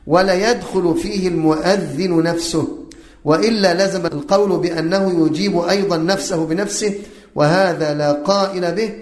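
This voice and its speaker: Religious teacher, slightly high voice, quizzes the class with repeated questions, chants examples, roomy echo. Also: male voice, a little mellow. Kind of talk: religious lesson on the call to prayer.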